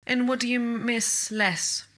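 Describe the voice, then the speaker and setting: A woman's voice: on the high side, steady tone, takes it slowly, a bit bright. A woman interviewer putting short, open questions to her guest.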